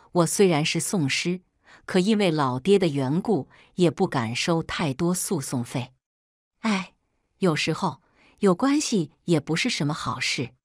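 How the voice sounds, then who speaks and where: A woman reads a first-person story aloud in a wry, brisk manner. Her voice sits low but moves with lively pitch. The sound is close and dry. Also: no room sound.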